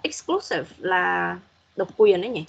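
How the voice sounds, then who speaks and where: A woman's voice: on the low side, sing-song, measured pace, vocal fry, breathy edge, lo-fi sound. A woman English teacher giving patient, corrective feedback to students in an online class, modeling pronunciation as she goes.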